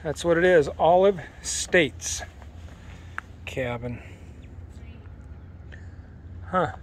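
Slow, musing man touring outdoors. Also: a little high, a little hiss or hum. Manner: relaxed, musing, easily amused. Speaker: travel vlogger. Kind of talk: casual walking commentary. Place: outdoor historic village. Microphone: handheld camera.

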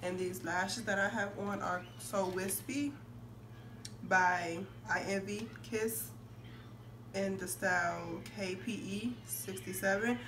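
A young woman beauty vlogger, somewhat hoarse and congested from a cold, clears her throat as she talks slowly to camera in a steady, medium-pitched voice, casual but emphatic. She's recorded in a curtained indoor room by a phone a few feet from her, so the mic is distant and the room noisy.

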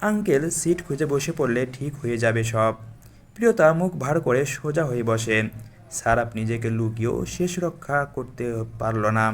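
A man reading a romantic story aloud in a steady, measured way. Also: mid-range voice. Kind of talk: scripted story narration.

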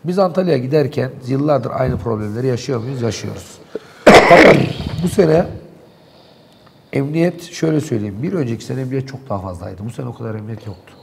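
A man's voice: medium pitch, expressive, fairly quick, creaky, noisy background. A man in a local TV studio, animatedly and indignantly recounting events in heated talk.

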